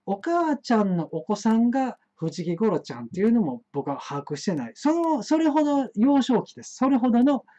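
Kansai man hosting a live stream; rambling storyteller, trips over his words, swooping pitch. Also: big pitch swings, a little fast, few pauses, dark tone. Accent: Kansai Japanese. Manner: chatty, frequent stammered restarts and fillers. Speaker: host of an internet talk show. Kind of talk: rambling solo monologue, storytelling. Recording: muffled live-stream audio.

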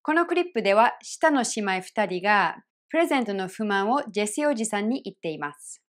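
A woman teaching English pronunciation in an online lesson, explaining clearly and repeating example phrases slowly. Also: medium pitch, very animated. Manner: clear, careful explanations with slow repeated demonstrations.

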